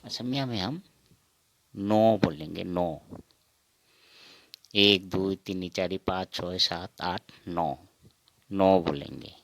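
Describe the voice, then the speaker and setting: Slow, gravelly low-voiced man teaching. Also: fairly bright tone, dry recording. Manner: repeats each word, asks and answers himself. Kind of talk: slow spoken counting lesson.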